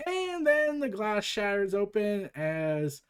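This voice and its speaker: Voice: mid-range voice, sing-song, slow pace, clear, resonant tone. A comic book reader recapping and reading a story aloud, casual, with rambling asides.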